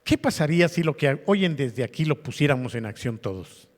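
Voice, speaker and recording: Pastor preaching in a reverberant hall. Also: male voice, a little high, lively intonation, normal speed. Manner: conversational preaching with rhetorical questions to the congregation. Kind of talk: sermon. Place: church meeting hall.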